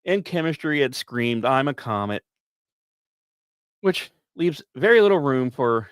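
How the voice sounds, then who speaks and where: Average in pitch and clear with a resonant tone, a man's voice has lively intonation and a slightly slow pace. He hosts a science podcast, reading semi-scripted commentary with wry asides, now and then tripping over or repeating a word. The recording is dry, with very little room sound.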